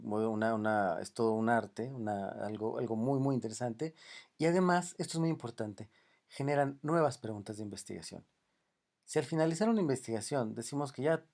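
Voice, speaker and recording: A man lecturing off the cuff at an ordinary middle pitch. He fills pauses with drawn-out "eh" sounds and keeps checking in with "¿no?" after his points. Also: a little mellow. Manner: unscripted, many "eh" fillers and "¿no?" tags. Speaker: university lecturer. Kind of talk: recorded lecture.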